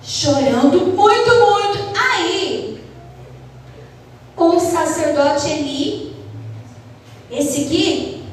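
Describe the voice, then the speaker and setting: Woman children's teacher, high voice, unhurried storytelling, distant in a reverberant church hall. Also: a little hiss or hum. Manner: asks the children questions, animated storytelling. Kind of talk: Bible story lesson for children. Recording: echoey church hall, far from mic.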